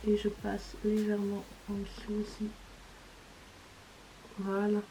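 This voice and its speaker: A woman's voice: medium pitch, monotone, slow pace, dark tone, slight background noise, poor audio. A woman, casually talking through each step of a makeup tutorial. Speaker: beauty vlogger.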